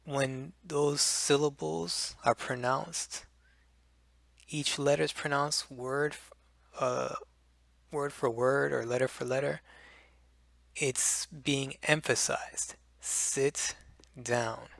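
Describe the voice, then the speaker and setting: A man teaching English pronunciation, explaining slowly and deliberately with many fillers. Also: medium pitch, steady tone, creaky, fairly bright tone, dry recording. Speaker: language teacher.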